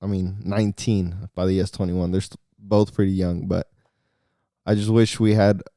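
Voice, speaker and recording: A man's voice: low-pitched, moderate pace, no room sound, studio quality. A man co-hosting a soccer podcast, talking casually and mixing English and Spanish. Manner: relaxed, mixes English and Spanish. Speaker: podcast co-host. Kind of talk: casual sports chat.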